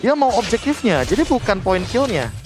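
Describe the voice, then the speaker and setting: A man's voice: sits high, big pitch swings, moderate pace, music in the background. A man with an Indonesian accent gives analytical live commentary on a video game match.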